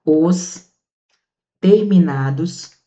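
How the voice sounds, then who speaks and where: A Brazilian woman teaching a grammar lesson in a chatty, lively way, drawing out the words she stresses. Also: low-pitched, very slow. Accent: Brazilian Portuguese. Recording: muffled, echoey room.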